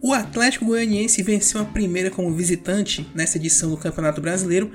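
A Brazilian woman presents a scripted sports round-up as the show's host. Her voice sits at a medium pitch, with a music bed playing softly underneath. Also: steady tone, fast. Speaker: football round-up show host.

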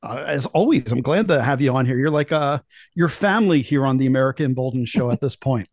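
A man's voice: medium pitch, lively intonation, quick pace, darkish tone, no room sound, clean studio sound. A man hosting a talk show in a chatty, casual way, with sarcastic asides. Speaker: podcast host.

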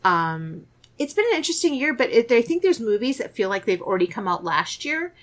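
In a slightly high, sing-song voice that runs a little fast, a podcast host chats informally about horror movies. She laughs a lot and frequently starts her sentences over.

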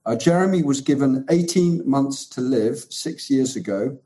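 A man's voice: medium pitch, lively intonation, normal speed, dark tone. A man hosting an interview podcast, speaking a little hesitantly and repeating his phrases. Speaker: podcast host.

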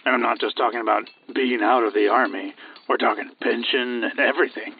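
A man's voice: mid-range voice, fairly even intonation, a little fast, a little hiss or hum, natural voice. A man doing a chatty Roman soldier. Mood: breezy. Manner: breezy, chatty. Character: cheerful casual Roman soldier, young man. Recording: tinny phone-like sound.

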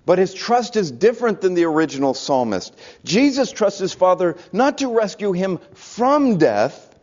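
Preacher guy giving a sermon, earnest, goes quiet to make a point, slightly high voice, muffled lo-fi sound. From American South. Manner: earnest preaching, drops to a hush for emphasis. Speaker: pastor. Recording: dull lo-fi recording.

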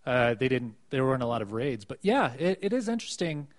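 A man's voice: mid-range voice, a little fast. A man co-hosting a casual podcast, bantering and joking as he recalls the year's news. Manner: joking, animated banter with laughs. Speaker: podcast co-host.

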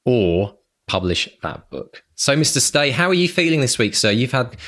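A man's voice: medium pitch, big pitch swings, moderate pace, fairly bright tone. A man chatting casually and effusively as a podcast co-host. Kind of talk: casual chat.

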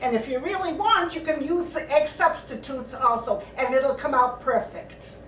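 A woman's voice: high-pitched, normal speed, fairly bright tone, a little hiss or hum. An older woman talks in a chatty, grandmotherly way as she walks through a recipe. The sound is roomy and echoey, caught from a distance in a kitchen. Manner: chatty, grandmotherly, explains step by step. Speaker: cooking show host answering viewer questions. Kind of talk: homey kitchen chat.

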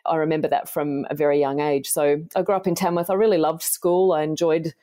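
An Australian woman in her forties, a podcast guest gently and earnestly telling her life story. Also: low voice, steady tone, a little fast.

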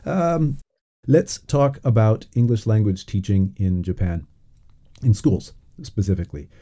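Dark-voiced male interviewer. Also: fairly low pitch. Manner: measured, frequent um fillers and back-channel murmurs. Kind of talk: interview questions.

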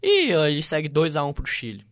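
A man's voice: fairly high pitch, huge pitch swings, moderate pace, a bit bright, no room sound, clean studio sound. A man with a Brazilian accent giving conversational analysis as a football co-commentator.

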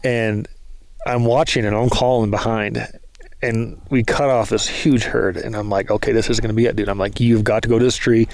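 A man telling a lively story in casual talk, acting out the quoted lines of others. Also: fairly low pitch, moderate pace, no room sound. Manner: animated storyteller, acts out quotes. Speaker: guest, bow hunter.

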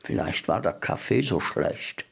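A man giving a measured, expressive literary reading on the radio. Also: low-pitched, vocal fry, husky. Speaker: reader.

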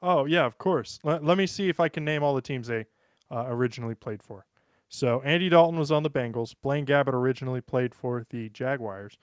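An American man co-hosts a podcast, joking around casually and rattling off lists of sports names. His mid-range voice is smooth and a little fast, captured in a dry, clean studio recording.

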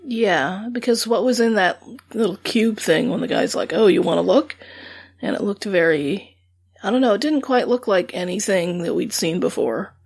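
A woman's voice: medium pitch, lively intonation, moderate pace, gravelly, a little mellow, slightly rough, dry recording. A woman co-hosting a podcast in a casual back-and-forth discussion. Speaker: podcast co-host.

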